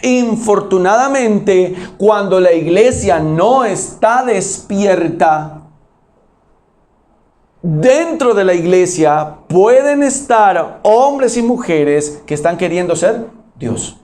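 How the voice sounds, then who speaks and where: High-voiced pastor preaching. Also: male voice, lively intonation, slow pace, a little mellow. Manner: emphatic, with rhetorical questions. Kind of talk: sermon. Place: church auditorium.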